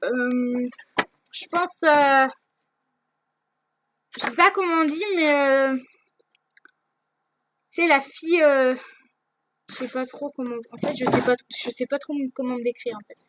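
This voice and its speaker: A woman's voice: high-pitched, unhurried, pauses often, a bit bright, slight background noise. A teenage girl answering viewer questions in a casual vlog, hesitant, with many fillers and restarts. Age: teens. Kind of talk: casual chat.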